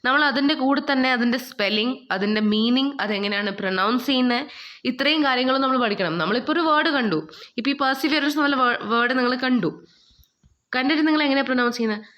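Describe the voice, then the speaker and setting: High-voiced woman teaching vocabulary. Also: muffled recording. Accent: Malayali English. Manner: explains in a mix of Malayalam and English, asking and answering her own questions; slow, careful reading of English passages. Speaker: English teacher. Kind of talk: recorded online English lesson.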